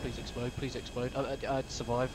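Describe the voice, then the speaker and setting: A man, trading dry, sarcastic deadpan jokes with his friends during a game. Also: medium pitch, a little fast. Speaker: player in gaming session. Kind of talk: casual gaming banter. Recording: steady game noise behind.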